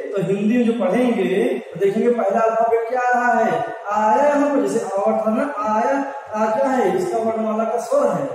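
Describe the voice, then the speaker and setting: Heard from far off in an echoey classroom, a man with a high, darkish voice teaches an English grammar lesson. He keeps asking the class questions and then answering them himself.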